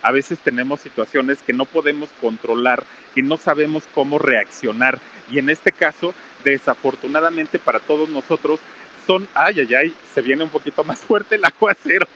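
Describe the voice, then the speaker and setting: A man's voice: on the high side, normal speed, pushed and bright, muffled recording, a little hiss or hum. A man hosting a live stream outdoors under a small roof in heavy rain, reading out viewer greetings in a raised, casual voice. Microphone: camera mic with crew nearby.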